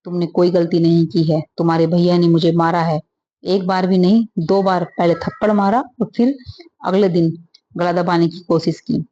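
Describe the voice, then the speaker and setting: A woman voicing a hurt, angry young married woman in a read-aloud story, asking sharp, upset questions. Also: on the low side, steady tone, normal speed, highs cut off, lightly acted.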